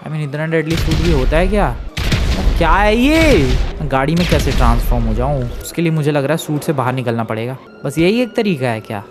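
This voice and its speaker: A young man giving excited game commentary, exclaiming often and mixing in English phrases. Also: fairly high pitch, brisk, over music. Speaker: gameplay commentator.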